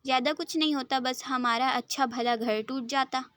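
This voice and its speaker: A woman's voice: high-pitched, steady tone, moderate pace. Woman playing a doting, forgiving mother. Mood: soothing, teasing. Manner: warm, soothing reassurance.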